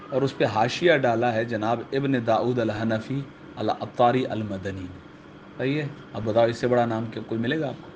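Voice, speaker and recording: A man's voice: medium pitch, a little hiss or hum. Man teaching a classroom grammar lesson. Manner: explanatory, checks in with students. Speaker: religious teacher.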